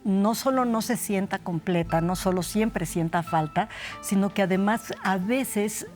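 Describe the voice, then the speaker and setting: A woman's voice: medium pitch, a little slow, a little mellow, soft background music. A woman speaking as an expert guest in a studio conversation, thinking aloud and restarting sentences. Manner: thoughtful, restarts mid-sentence.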